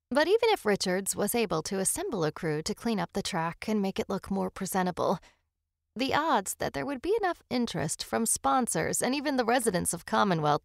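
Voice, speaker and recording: A woman reading scripted story narration in a measured, steady way. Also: on the low side, gravelly, dry recording, studio quality.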